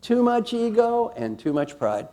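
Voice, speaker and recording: A man's voice: very high-pitched, measured pace. An older man leading a workshop, teasing the audience, asking them questions and acting out quotes. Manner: animated, teasing, quizzes the audience and acts out quotes. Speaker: leadership coach leading a workshop. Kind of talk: interactive seminar talk to an audience.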